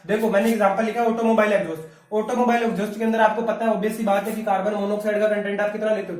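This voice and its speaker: A man's voice: high-pitched, recorded from a distance. A man giving a classroom lecture, chatty, full of rhetorical questions. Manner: conversational, asks rhetorical questions, says "bhaiya". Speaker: teacher. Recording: echoey room, voice off-mic.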